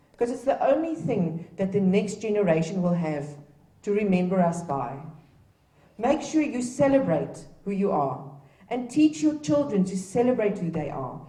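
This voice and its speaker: At an indoor museum heritage event, the opening speaker, a woman from Namibia who grew up speaking Afrikaans, gives an earnest, exhorting public speech with some restarts. Her voice is medium-pitched and mellow. The room echoes and the mic is distant.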